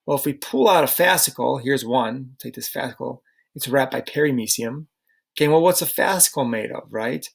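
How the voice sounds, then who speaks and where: A man's voice: mid-range voice, normal speed, creaky, breathy edge. A middle-aged man teaching a recorded slide lecture, casual and chatty, often checking in with rhetorical questions.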